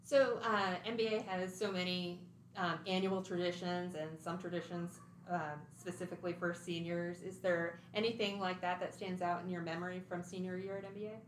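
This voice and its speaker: A woman hosting a school podcast, reading out her introduction and interview questions clearly. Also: fairly low pitch, level tone, moderate pace, hardly any pauses, a little hiss or hum. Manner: clear, read-aloud questions. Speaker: podcast host. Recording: echoey room.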